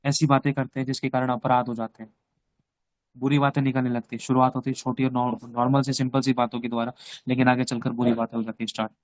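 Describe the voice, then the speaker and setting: A man's voice: mid-range voice, level tone, fast, no echo, clean studio sound. A man preaching as a pastor. He often asks his listeners whether they understand and acts out the voices he quotes. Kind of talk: sermon. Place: home.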